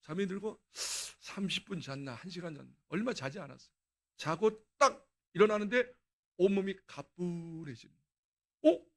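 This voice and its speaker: A male pastor preaching a testimony sermon at a dawn prayer service, telling his story in an animated way and often laughing. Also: high voice. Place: church sanctuary.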